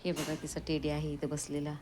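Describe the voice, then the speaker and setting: A woman vlogging at home, calm asides to viewers mixed with high, coaxing baby talk to her dog. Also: a little fast, heavy background noise. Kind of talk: casual vlog talking to her dog.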